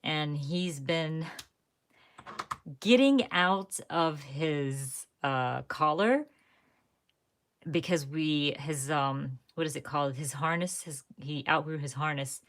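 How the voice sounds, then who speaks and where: A woman's voice: sits low, takes it slowly. A young woman hosting a live crafting stream, chatting casually and rambling to her viewers, often correcting herself mid-sentence. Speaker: crafting livestream host.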